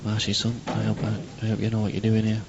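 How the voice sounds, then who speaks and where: A chatty man commentates a pool match in a low, flat voice, dropping wry asides to viewers. The sound is dull and lo-fi, with steady noise behind him. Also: fast. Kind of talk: live sports commentary. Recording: dull lo-fi stream audio with noise.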